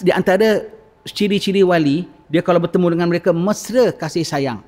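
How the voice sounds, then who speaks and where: Seorang lelaki berloghat Malaysia menyampaikan kuliah agama di masjid, bercerita dengan bersemangat dan menghidupkan dialog. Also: male voice, sits high, brisk. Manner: animated, acts out dialogues, frequent "ha?". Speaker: religious lecturer. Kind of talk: mosque sermon lecture. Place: mosque. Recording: long reverb of a mosque hall.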